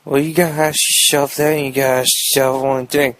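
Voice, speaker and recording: A man's voice: mid-range voice, little pitch movement, fairly quick, a bit bright, no echo. A young man hosting a podcast, rambling through a comic news monologue full of puns. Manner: rambling, jokey, fond of puns. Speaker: podcast host.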